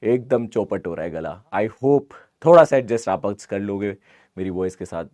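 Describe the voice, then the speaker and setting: A man with a hoarse, sore voice, chatting casually as a live online physics teacher. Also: fairly low pitch, expressive, moderate pace, mellow, no echo, clean studio sound. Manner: chatty, repeats greetings, mixes English into Hindi. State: hoarse, sore throat from fever. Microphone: close mic, amplified.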